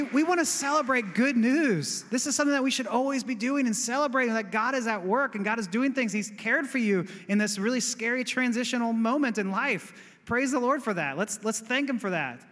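A male pastor giving an animated, conversational sermon in a church that builds to exclamations. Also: extremely high pitch. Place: church sanctuary. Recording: long reverb of a church hall.

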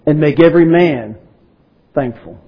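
High-pitched husky male preacher, dull recording. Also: a little slow. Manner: rhetorical questions, prompts listeners to respond. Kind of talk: sermon to a congregation, with call and response.

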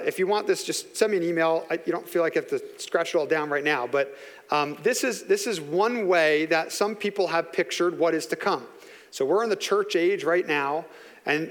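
A man preaching a sermon in an earnest, conversational way, slowing down on emphatic lines. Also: high voice, in a large hall. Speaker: pastor.

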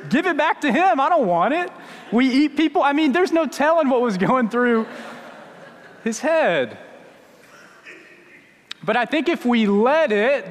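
High-voiced male pastor in reverberant sanctuary. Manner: storytelling, conversational with many restarts. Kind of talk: sermon.

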